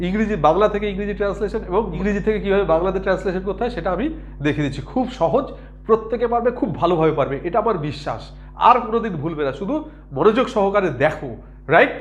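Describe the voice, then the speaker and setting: A man's voice: high voice, muffled recording. A man teaching grammar, patient and repetitive, often checking whether his students follow. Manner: patient, repeats words and asks if students understand. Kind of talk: explanatory lesson.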